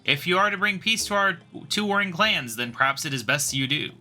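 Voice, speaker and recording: A man's voice: a little high, animated, brisk, sharp tone, soft background music, pitched above the performer's own voice. A man voicing a wary, solemn male chieftain in a game playthrough.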